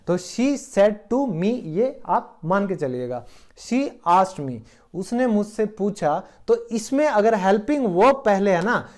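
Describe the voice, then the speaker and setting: A man giving an online grammar lesson as an English teacher. He asks the viewer questions, answers them himself, and reads the example sentences slowly and clearly. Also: high-pitched, a little mellow.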